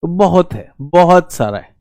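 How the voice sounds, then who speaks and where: A man teaching a lively, joking exam-prep lesson, now and then slipping into brief mock voices. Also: high voice, a little slow, clear, resonant tone, dry recording.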